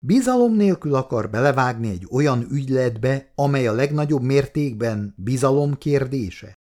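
A man's voice: mid-range voice, expressive, warm tone, close to an everyday voice. A man reading aloud and voicing an eager, slightly pompous male shop manager. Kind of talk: storybook reading.

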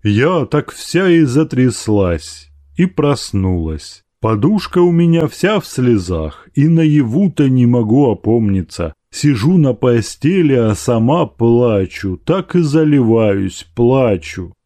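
A tender, tearful old mother from an audiobook, put on by a male reader. She cries out in a raised, quavering voice that swings up and down. The reading is slow and the sound dry and close. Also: mid-range voice, sing-song, mellow, dry recording. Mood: tearful, anxious. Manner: emotional, crying out.

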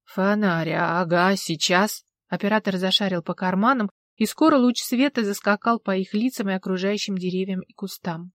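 Woman, audiobook narration, steady, even, mid pitch, dry sound. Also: a little fast, hardly any pauses, dry recording. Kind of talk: scripted narration.

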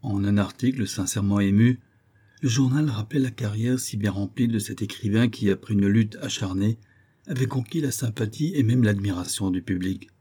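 Man reading an old novel out loud, lowish husky voice, mellow and steady. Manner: measured literary reading. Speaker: audiobook narrator. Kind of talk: scripted narration.

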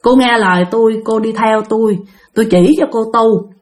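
A woman voicing a stern male exorcist, speaking slowly and firmly. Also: on the high side, a little mellow, natural voice. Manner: slow, firm, measured.

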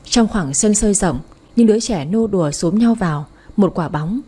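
A woman narrating a romance story for an audiobook in a soft, emotive storytelling manner. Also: mid-range voice, animated, moderate pace, breathy edge.

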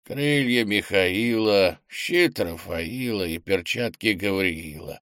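A man voicing an old, powerful ghost spirit who speaks slowly and wearily, with subdued sighs. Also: deep voice, fairly bright tone, no echo, studio quality, heavily acted. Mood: weary.

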